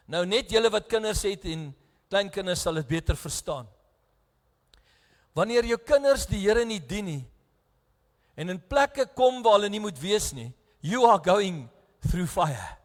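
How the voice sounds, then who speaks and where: A South African man preaching a sermon as pastor, earnest and close to tears, his delivery swinging between hushed and raised. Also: sits high, very animated, moderate pace. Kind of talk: bilingual sermon. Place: church. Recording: echoey church hall.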